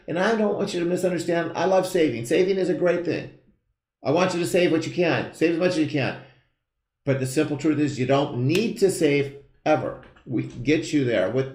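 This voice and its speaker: Middle-aged guy hosting a live show, earnest pushy pitch, keeps repeating himself, roomy echo. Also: darkish tone. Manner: earnest, emphatic, repeats key phrases. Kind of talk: motivational sales pitch to camera.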